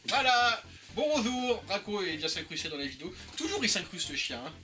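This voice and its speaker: A man's voice: high voice, very animated, fairly quick, sharp tone. A man in his thirties chatting casually and joking about flea market finds, laughing often. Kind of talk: casual chat.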